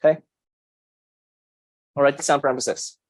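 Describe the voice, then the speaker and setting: A young man lecturing a university class, lively and emphatic, putting questions to the students. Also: mid-range voice, normal speed, dry recording, low-quality recording. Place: lecture hall.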